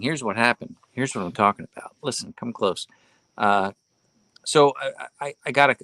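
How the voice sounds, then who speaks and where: A man's voice: fairly low pitch, fairly bright tone, dry recording. A man hosting a casual livestream from a barn, rambling in a folksy way and repeating phrases for emphasis. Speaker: livestream host. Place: inside a barn.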